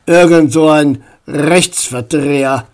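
A man voicing a grumpy, stubborn middle-aged father in a storybook reading, curt and gruff. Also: high-pitched, slow. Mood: irritated.

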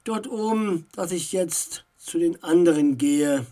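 A woman's voice: on the low side, slow pace, mellow. A woman voicing a stubborn young boy in a children's audiobook, speaking defiantly and demanding answers. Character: boy hero, stubborn and quick to anger.

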